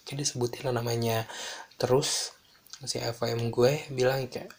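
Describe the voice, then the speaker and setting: A young man telling a personal story in casual slang, animated and dropping in English phrases. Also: mid-range voice, normal speed, vocal fry, husky.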